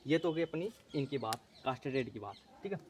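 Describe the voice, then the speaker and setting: A man's voice: mid-range voice, lively intonation, a little fast, a little mellow, a little hiss or hum. A male teacher running an exam-prep lesson, repeating terms, asking and answering his own questions, often correcting himself.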